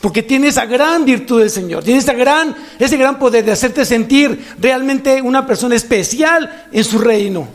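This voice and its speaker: A man with a Mexican Spanish accent preaching as a pastor in a church, animated, repeating phrases for emphasis. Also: extremely high pitch, normal speed, few pauses. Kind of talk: sermon.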